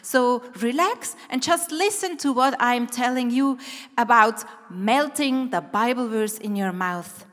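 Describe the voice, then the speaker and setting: Slow-paced woman preaching in a reverberant hall. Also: on the high side, a bit bright. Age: middle-aged or older. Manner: deliberate, repeats phrases slowly for emphasis. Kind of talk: devotional sermon with guided exercises.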